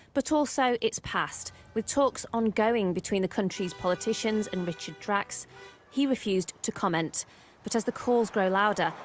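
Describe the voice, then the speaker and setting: Woman reporter with formal news delivery. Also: mid-range voice.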